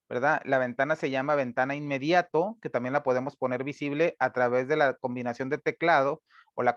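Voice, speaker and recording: A man teaching a screen-recorded programming lesson, patient and step by step, filling pauses with "eh" and checking in with "¿verdad?". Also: medium pitch, dry recording, dull audio. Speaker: instructor.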